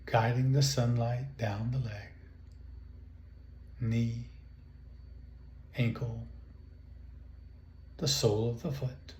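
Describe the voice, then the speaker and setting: Slow, soothing instructions come from a male relaxation and guided imagery instructor whose voice sits at a medium pitch. He leaves long gaps between his measured phrases, and the audio carries a roomy echo over faint background noise.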